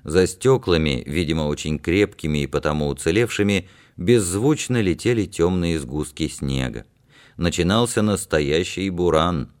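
Man narrating a story, low voice. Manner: steady, measured storytelling. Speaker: audiobook narrator. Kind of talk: scripted narration.

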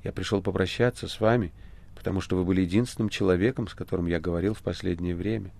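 A man voicing a weary, resigned male writer in an audiobook, speaking low and quietly. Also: steady tone, fast, creaky. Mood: sorrowful. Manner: low, hushed and subdued. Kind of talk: audiobook character voice.

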